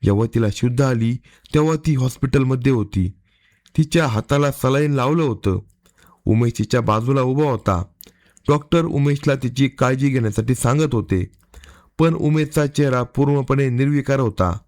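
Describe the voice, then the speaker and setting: A man narrating a scripted crime story in an even, dramatic storytelling manner. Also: mid-range voice, normal speed.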